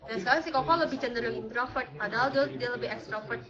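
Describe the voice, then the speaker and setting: Young woman, jakarta accent, can't quite say her r's, high chatty livestream voice, bit lo-fi. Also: quick pace, crowd noise. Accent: Jakarta Indonesian. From Jakarta, Indonesia. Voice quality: slurred r (cadel). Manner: playful, chatty, reads out and answers viewer comments. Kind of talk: casual livestream chat. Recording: slightly dull lo-fi stream audio.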